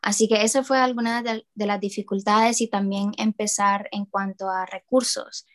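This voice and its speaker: A woman's voice: mid-range voice, fairly even intonation, moderate pace. A young woman from New Orleans, a student guest in an interview, talking with hesitant fillers and restarts. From New Orleans, USA. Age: young adult. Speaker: guest, student and project founder. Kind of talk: casual interview.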